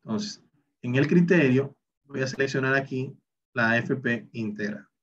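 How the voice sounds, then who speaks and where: A man's voice: medium pitch, normal speed, fairly bright tone, far from the mic, slight background noise. A man teaching a recorded online spreadsheet class, explaining each step and talking through every calculation aloud. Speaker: Excel instructor. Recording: slightly dull, lo-fi recording.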